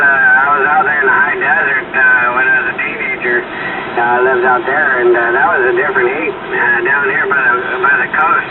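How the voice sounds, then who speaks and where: A man on an amateur radio contact, heard through a ham radio receiver, speaking in a halting way with lots of filler sounds. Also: medium pitch. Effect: heard over a ham radio receiver. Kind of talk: casual radio chat. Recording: tinny radio transmission with loud static.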